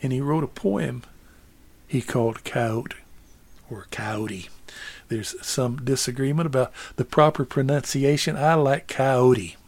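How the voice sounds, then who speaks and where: A man telling a story in an unhurried, easygoing way, often repeating words as he gathers his thoughts. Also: mid-range voice, steady tone, a little mellow. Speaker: storyteller and singer.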